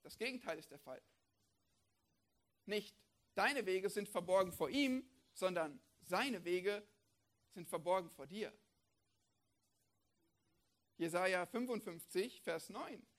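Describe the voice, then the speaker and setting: A male preacher delivering a sermon with strong conviction. He fires off rhetorical questions, then drops to a quiet, intense tone before rising again. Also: high-pitched, lively intonation, takes it slowly, long pauses. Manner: emphatic, fires off rhetorical questions, swings between loud and hushed.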